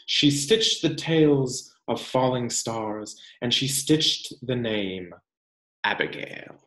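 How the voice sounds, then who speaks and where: Like a teacher with a class of kids, this man reads from a picture book, his mid-range voice expressive and measured. He stops for emphasis and poses guiding questions, and the room echoes around him.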